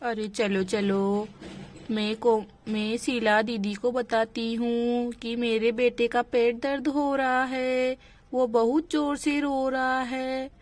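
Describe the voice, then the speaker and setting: A woman's voice: on the high side, little pitch movement, slow, darkish tone. A woman voicing a worried young village mother in a doll storybook, anxious and pleading.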